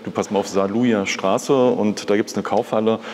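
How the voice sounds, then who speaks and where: In a reverberant, glass-fronted indoor hall, a fifties-aged art patron from East Germany talks as an interview guest, reflecting conversationally on his personal experiences. His pitch is fairly low and his tone steady and a little mellow, at a normal speed. Slight background noise is audible.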